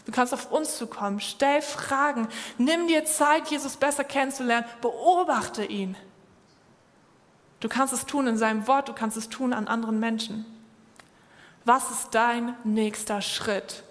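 Woman preaching, kinda high voice, talks right at you, lots of hall echo. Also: normal speed. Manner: direct, encouraging address to listeners. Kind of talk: sermon. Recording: long hall reverb.

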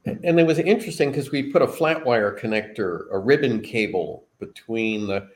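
A male panel guest explaining technical details in a halting way, often repeating words as he goes. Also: medium pitch.

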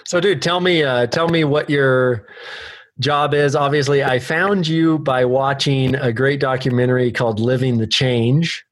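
Male podcast host, relaxed, rambly, mid-pitched, chatting over a video call from home. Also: no room sound. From Oregon, USA. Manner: laid-back, rambling with fillers. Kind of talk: casual interview chat. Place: bedroom at home.

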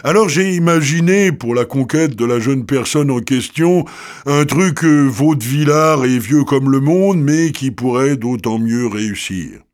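A man's voice: mid-range voice, a little slow, a little mellow, natural voice. A man voicing a pale, sad young man in love who lays out a plan earnestly and a bit pompously. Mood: scheming.

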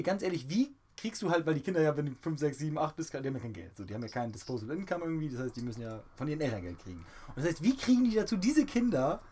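A man co-hosting a podcast in casual banter, rambling and joking as he talks. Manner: rambling, joking, lively swings in pitch. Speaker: podcast co-host.

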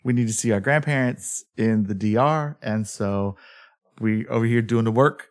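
A man's voice: fairly low pitch, moderate pace. Laid-back male podcast host. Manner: laughing, playful banter with frequent restarts. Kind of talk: casual chat and reading a bio. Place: office in a house.

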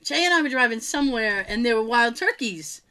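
A woman's voice: a little high, a little fast. A woman in her forties co-hosting a podcast, chatting casually and telling stories with frequent laughter. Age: 40s. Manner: animated storyteller, laughs often. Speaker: podcast co-host. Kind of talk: casual chat.

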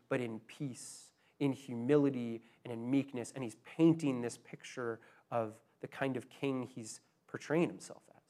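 A man's voice: fairly high pitch, a little mellow. A man preaching a sermon, explaining scripture with frequent restarts and self-corrections.

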